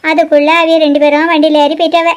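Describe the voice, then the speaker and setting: A woman's voice: high voice, little pitch movement, fast, lightly acted. A woman voicing a nosy, gossiping old village grandmother in a cartoon. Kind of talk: cartoon voice acting.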